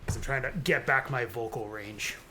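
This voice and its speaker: A man chats as a player in a tabletop game, thinking aloud with fillers as he asks questions. His voice sits at a middle pitch. There is faint noise behind him. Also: moderate pace, sharp tone. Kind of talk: casual game talk.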